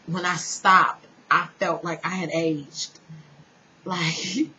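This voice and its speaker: A woman giving an earnest personal spiritual testimony, speaking straight to her listeners and dropping now and then to a soft whisper. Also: lowish voice, level tone, slow. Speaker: spiritual storyteller. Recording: dull lo-fi sound with faint noise.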